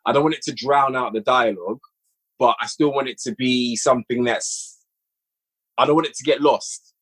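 At a normal speed, a man with a mid-range, fairly bright and slightly rough voice chats on a podcast about his work as an audio drama writer and director. His manner is reflective and casual, with phrases repeated for emphasis.

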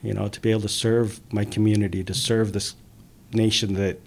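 A man, a police officer, talking earnestly in an interview, with many pauses and fillers. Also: lowish voice, flat delivery, a little mellow. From immigrant, grew up in the US. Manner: earnest, halting, many "you know" fillers. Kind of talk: conversational interview.

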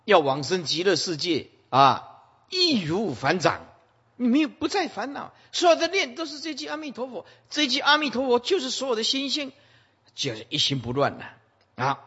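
A man giving an animated Buddhist sutra lecture, repeating commands to his listeners, with a husky voice. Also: very high voice, moderate pace. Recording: muffled, echoey hall.

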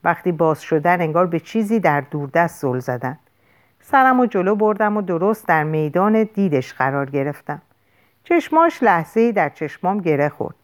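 A woman reading a first-person audiobook with an expressive, dramatic delivery. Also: on the low side. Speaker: audiobook narrator.

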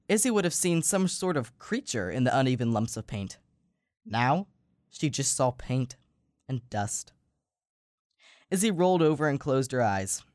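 A man co-hosting a podcast and reading a children's story aloud, slowing down for emphasis. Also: mid-range voice, no room sound, clean studio sound. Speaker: podcast co-host and story reader. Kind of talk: storybook narration.

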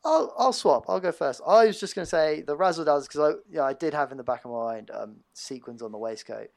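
A man's voice: a little high, a little fast, gravelly. A man co-hosting a casual podcast, laid-back with a wry, joking manner. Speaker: podcast co-host.

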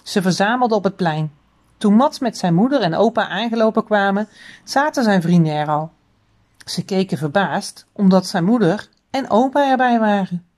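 A woman reading a children's book aloud, chapter by chapter, in an expressive storytelling voice. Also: mid-range voice, normal speed.

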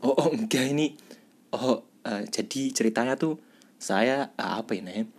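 A man's voice: medium pitch, normal speed, husky. A man putting on a bashful student with a fake Javanese twang. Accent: put-on East Javanese. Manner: polite, hesitant, says "Mas" often. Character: polite young male student guest, fake Javanese twang.

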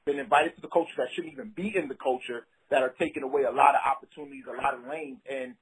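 A man with a Brooklyn accent and a husky voice, a rapper talking casually in an interview in slangy, streetwise, emphatic phrases. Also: mid-range voice, steady tone, fast talker, rough recording. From Brooklyn, New York City.

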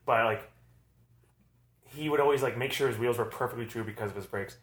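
A man's voice: mid-range voice, a little fast. Laid-back man telling rambling stories. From Arizona, US. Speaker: podcast co-host, BMX rider. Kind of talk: casual chat. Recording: echoey room.

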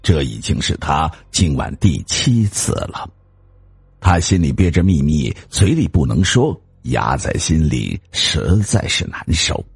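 A man narrating a spooky story in an expressive, dramatic scripted way. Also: extremely low pitch, unhurried, vocal fry, husky, dry recording, soft background music.

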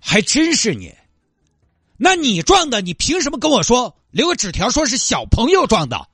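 A man's voice: high voice, wildly swooping pitch, fast talker, bright, forceful tone, dry recording, studio quality, faint music behind, pitched above the performer's own voice, full character voice. A man voicing an indignant young male car owner, scolding and exasperated.

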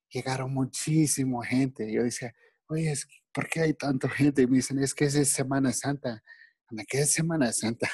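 A man from Texas, a guest in a casual interview, speaks friendly Spanish sprinkled with English words and tags many sentences with "no?". His voice is mid-range and darkish, with no room sound.

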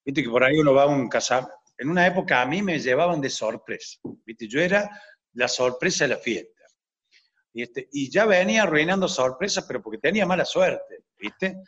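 A comedian telling a rambling anecdote full of asides. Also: male voice, a little high, lively intonation, a little fast, a bit bright, breathy edge, lo-fi sound. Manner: rambling storyteller, many asides. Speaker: comedian guest.

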